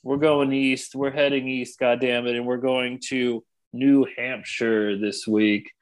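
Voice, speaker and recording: A man's voice: mid-range voice, little pitch movement, measured pace, clean tone, rough recording. A man hosting a comedy podcast over a video call, bantering in a dry, mock-serious way. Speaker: podcast host. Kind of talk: casual comedic podcast chat.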